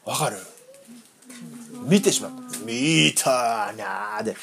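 Male pastor, storytelling sermon; very expressive pitch, plays every part, keeps checking in with listeners. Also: takes it slowly, gravelly, crowd noise. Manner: animated, acts out voices, quizzes the audience. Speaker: pastor teaching children. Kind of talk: lively Bible lesson.

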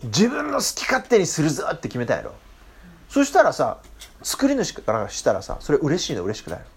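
Youth teacher, a man with an animated, swinging voice, chatty and full of questions to the group. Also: fairly high pitch, fairly quick, breathy edge. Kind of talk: interactive Bible talk to young listeners.

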